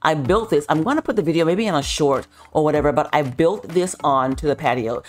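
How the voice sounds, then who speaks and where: A woman vlogger giving a chatty home tour. She gushes with excitement, repeats herself for emphasis and tosses slangy asides to her viewers. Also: low voice, a little fast. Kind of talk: casual chatty tour narration.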